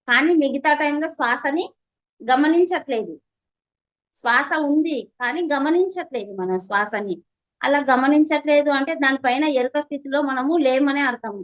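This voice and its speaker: A woman's voice: fairly high pitch, low-quality recording. A woman with a Telangana Telugu accent, earnestly sharing her meditation experience with an interviewer in a fervent, preachy way. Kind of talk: personal testimony to an interviewer.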